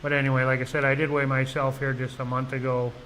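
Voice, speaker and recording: A man's voice: medium pitch, level tone, fast talker, fairly bright tone, a little hiss or hum, poor audio. Rambling middle-aged man on a live vlog. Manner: rambling, full of "you know" and restarts. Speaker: vlog host. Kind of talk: casual live-stream chat.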